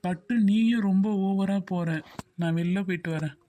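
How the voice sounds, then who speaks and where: A stern middle-aged father, put on by a woman, scolds slowly and firmly in a deep, dark voice. He sounds calm but leaves no room for argument. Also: slight background noise, lightly acted. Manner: firm, measured scolding. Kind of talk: family skit acting.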